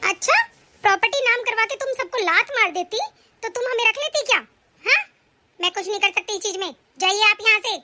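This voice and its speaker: A woman voicing a loyal, kind young daughter-in-law from a poor family in an animated story. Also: extremely high pitch, brisk, a little hiss or hum, exaggerated voice. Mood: firm. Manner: calm, earnest, firm.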